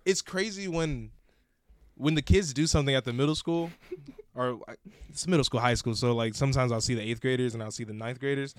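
A man's voice: medium pitch, no room sound. A man co-hosting a podcast, bantering and teasing in a casual chat, telling stories about kids at school. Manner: joking banter, quick quips. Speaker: podcast co-host; school staff.

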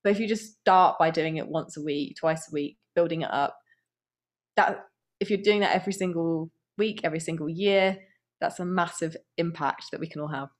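A woman's voice: low voice, moderate pace. A woman appearing as a podcast guest, explaining her ideas in a thoughtful, earnest way. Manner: thoughtful and earnest, with fillers and restarts. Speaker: guest, app founder. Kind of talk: casual conversational interview.

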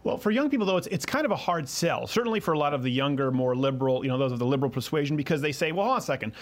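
A man's voice: mid-range voice, racing. A man hosting a political talk show, telling stories animatedly and acting out what other people say. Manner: animated storyteller, acts out quotes. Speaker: podcast host.

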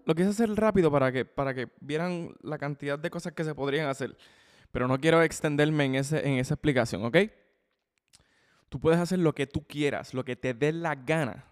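A man's voice: fairly high pitch, normal speed. A man teaching drums on his podcast in a casual, chatty way, often repeating himself and checking in with the listener. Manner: chatty, repeats words and restarts phrases often. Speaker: drum teacher and podcast host. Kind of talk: casual spoken drum lesson. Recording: long hall reverb.

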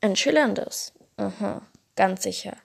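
A woman's voice: mid-range voice, expressive, takes it slowly, vocal fry, breathy edge, full character voice. A woman voicing a group of small fire lizard creatures who talk in a raised, mocking and boastful way in a storybook tale.

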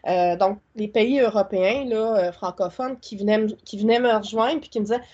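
A woman's voice: mid-range voice, fairly quick, darkish tone, slightly rough, dull audio. A woman with a Québécois French accent, a guest talking casually and enthusiastically about her spiritual content, often rambling. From Quebec. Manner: chatty, rambling, enthusiastic, colloquial. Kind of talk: casual interview chat.

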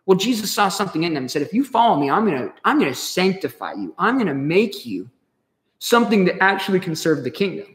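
A man's voice: high-pitched, very animated, fast talker, a bit bright. A man giving a casual, slangy sermon with a laid-back, laughing manner. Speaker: pastor. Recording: echoey hall with long reverb.

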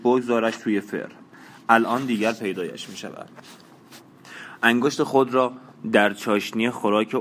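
A man narrating a novel in a steady, measured reading, now and then adding brief casual asides. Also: lowish voice, slight background noise. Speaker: audiobook narrator.

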